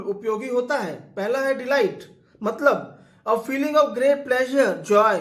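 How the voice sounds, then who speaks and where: A man with a very high voice gives a line-by-line literature lecture. He reads English quotations slowly and deliberately before explaining them. The sound is roomy and echoey.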